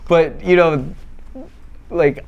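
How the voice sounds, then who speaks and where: Male podcast guest, fairly high voice, lively filler-heavy storytelling. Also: extremely slow, clean tone, dull audio. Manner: animated storyteller, hedging fillers. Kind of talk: casual chat.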